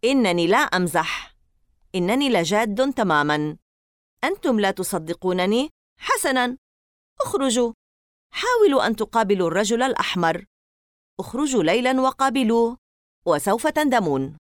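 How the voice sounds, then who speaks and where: A woman voicing a mysterious boy at summer camp who gives calm, grave warnings. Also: fairly low pitch, fairly quick, dry recording, studio quality. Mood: insistent.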